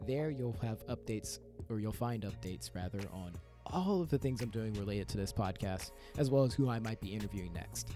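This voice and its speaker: A young man hosting his own podcast, ranting with big laughing outbursts and quiet sincere asides into a close mic. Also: lowish voice. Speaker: podcast host. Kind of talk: solo podcast rant.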